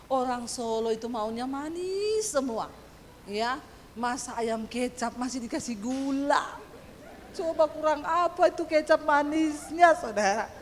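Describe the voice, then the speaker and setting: A woman pastor with a Sulawesi accent, preaching a sermon with lively storytelling and addressing the congregation. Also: high-pitched, in a large hall, a little hiss or hum. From Sulawesi, Indonesia.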